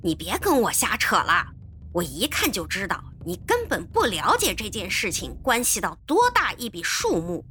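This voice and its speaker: Woman doing a sly, low-voiced detective. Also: huge pitch swings, moderate pace, bright, forceful tone, soft background music, exaggerated voice. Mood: scheming. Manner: low, coaxing and conspiratorial. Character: scheming male detective, sly and persuasive.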